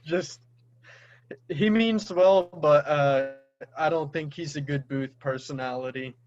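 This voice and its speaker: A man's voice: fairly high pitch, slow pace, dull audio. A man co-hosting a casual sports podcast, giving blunt opinions with dry jabs. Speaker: podcast co-host.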